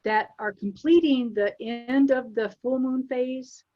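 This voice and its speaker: Woman, soft-spoken, gently instructive, casual spiritual chat, muffled lo-fi call audio. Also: high voice, unhurried. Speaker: spiritual channeler.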